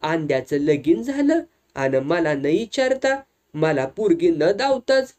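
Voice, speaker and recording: A man's voice: big pitch swings, takes it slowly, a little mellow. Storybook grandmother, old woman, scolding, quavering, voiced by a male storyteller. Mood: indignant. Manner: shrill, quavering and indignant.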